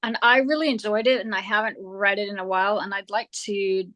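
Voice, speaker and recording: A woman author talking as a guest in a casual conversation. She is slightly hoarse and chatty, rambling through her answers with lots of filler words. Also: mid-range voice, fairly even intonation, fairly quick, bright, forceful tone.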